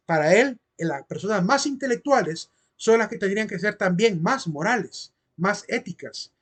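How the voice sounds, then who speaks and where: High-voiced man teaching a philosophy class. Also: a bit bright. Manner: explanatory, repeats phrases and asks "¿verdad?". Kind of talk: online class lecture.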